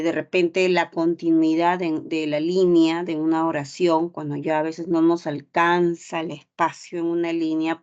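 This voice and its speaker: Slow, low-voiced woman teacher. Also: darkish tone. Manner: explains patiently, often adds tag questions. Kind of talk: online class explanation. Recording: dull lo-fi audio.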